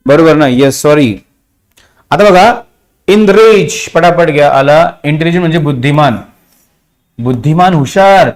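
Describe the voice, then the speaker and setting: A male teacher with a Marathi accent giving an exam-prep vocabulary lecture, repeating meanings and quizzing his class. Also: a little high. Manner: repetitive, drilling meanings and asking the class.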